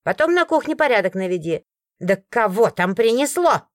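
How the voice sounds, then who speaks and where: A woman's voice: on the high side, sing-song, normal speed, dry recording, studio quality. A woman playing a sugary fussy old landlady. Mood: sugary fussing. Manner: sugary, fawning, grumbly. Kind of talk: audiobook character voice.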